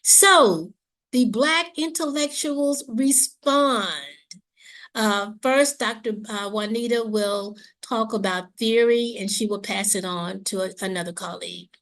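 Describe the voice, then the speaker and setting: A woman with a somewhat high voice opens an academic webinar as moderator. She speaks in a formal, measured way, like a prepared presentation, and comes back to the same points to stress them. It sounds like a video call microphone. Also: a bit bright. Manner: formal and measured, repeats key points for emphasis.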